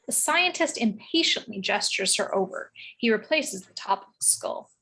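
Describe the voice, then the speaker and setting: A woman's voice: medium pitch, lively intonation, moderate pace, vocal fry, bright, forceful tone, breathy edge, rough recording. A woman narrating the stage directions of a script in a read-through.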